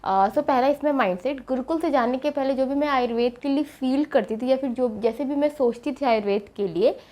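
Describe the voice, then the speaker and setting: Young woman student talking thru her routine, kinda high voice, pauses to think a lot. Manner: steady and explanatory, with frequent pauses to think. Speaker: Ayurveda medical student. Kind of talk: casual explanatory vlog.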